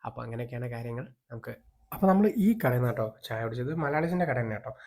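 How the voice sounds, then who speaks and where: A Malayali man narrates a casual vlog at a very quick pace. His voice sits at an average male pitch. He talks conversationally, mixing English words into his Malayalam. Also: animated, a little mellow. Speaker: vlogger, host.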